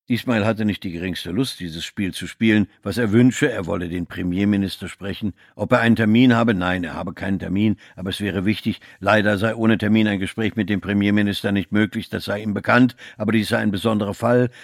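Male narrator, low voice, dry close sound, scripted audiobook reading, small voice shifts for characters. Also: dry recording.

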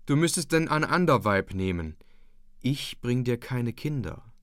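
A man reading the part of a gentle, anxious young farm wife who speaks softly and worriedly. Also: mid-range voice, expressive, measured pace, no room sound, studio quality, natural voice. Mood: worried, tender. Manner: soft, worried.

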